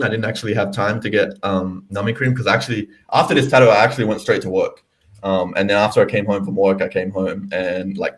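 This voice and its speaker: A man's voice: on the low side, poor audio. A young man with an Australian accent, chatting casually and upbeat as a guest on a livestream. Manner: upbeat, chatty, laughs often. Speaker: guest content creator.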